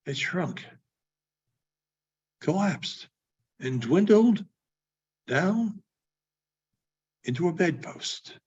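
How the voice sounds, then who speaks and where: A man giving a dramatic reading of a story, theatrical, with pauses between phrases. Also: high-pitched, lively intonation, darkish tone, breathy edge, dull audio. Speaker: storyteller, librarian.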